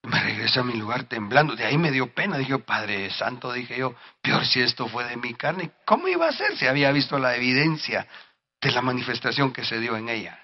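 A male pastor preaching a sermon, speaking directly to the congregation and rising to shouts at his peaks. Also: mid-range voice, animated, a little fast, highs cut off.

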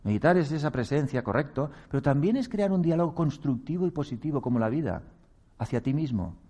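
A man's voice: fairly high pitch, sing-song, brisk, mellow. A man from giving a reflective talk on meditation, speaking earnestly, chuckling at himself and acting out quoted voices.

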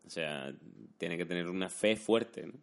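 A man's voice: deep voice, a little slow, vocal fry. A man talking casually and colloquially, often adding tag questions. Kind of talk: casual chat, anecdotes.

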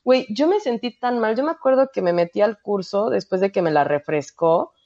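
Young Mexican woman, animated slangy storyteller, mid voice, slightly muffled audio. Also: mid-range voice, fairly quick. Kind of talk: casual chat. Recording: dull, muffled recording.

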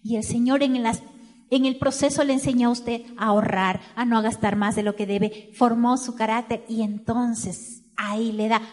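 A woman preaching a sermon in church, telling a story and asking the congregation questions, moving between hushed and loud passages. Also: on the high side, fairly even intonation, normal speed.

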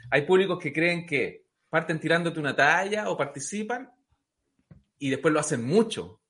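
A man with a Chilean accent in a casual chat among comedians, quick to chime in and agree. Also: fairly high pitch, expressive, a bit bright. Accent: Chilean Spanish.

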